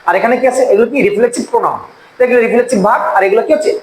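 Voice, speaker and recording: A man's voice: extremely high pitch, rapid-fire. A man giving a classroom-style grammar lesson as an English teacher. He repeats key points and keeps asking the class questions. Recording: echoey room with faint background noise.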